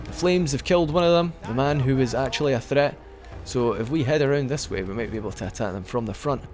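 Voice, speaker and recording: Soft music plays under this fast-talking young let's play commentator, whose medium-pitched voice has a slightly mellow quality. Chatty and wandering, he restarts his thoughts frequently and hiccups occasionally as he plays.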